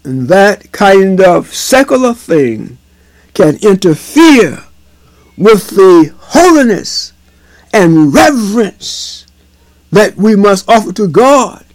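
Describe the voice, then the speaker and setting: Preacher, male, high voice, unhurried emphatic delivery, dry close sound. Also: big pitch swings, dry recording, poor audio. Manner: slow, emphatic, repeats phrases. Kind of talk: sermon.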